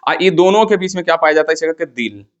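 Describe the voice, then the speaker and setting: A man's voice: a little high, expressive, fast, lo-fi sound. Teacher drilling his class. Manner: quizzes the class with call-and-response questions, repeating key terms. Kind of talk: classroom lecture. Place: classroom with students.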